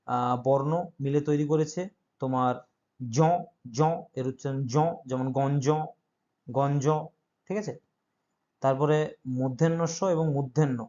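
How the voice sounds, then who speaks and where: A man's voice: a little high, mellow, lo-fi sound. A male teacher who explains an exam-prep grammar lesson step by step and keeps checking that his students follow.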